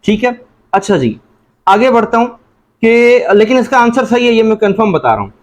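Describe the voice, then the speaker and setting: High-voiced Pakistani man drilling test answers. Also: animated, normal speed. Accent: Pakistani Urdu. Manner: question-and-answer drilling, asks then answers himself; addresses listeners as janab. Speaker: teacher. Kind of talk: entry-test lesson.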